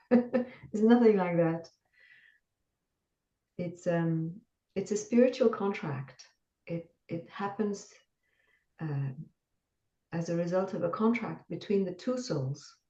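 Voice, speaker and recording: A woman from France with a French accent, calmly and earnestly explaining her spiritual experience as an interview guest. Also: on the low side, takes it slowly, long pauses. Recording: dull distant roomy call audio.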